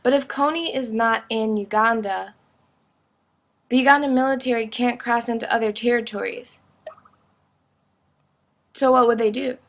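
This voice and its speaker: A woman's voice: fairly high pitch, fairly even intonation, normal speed, pauses often. A woman vlogger giving an earnest explanation, asking pointed questions. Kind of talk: explanatory commentary to camera.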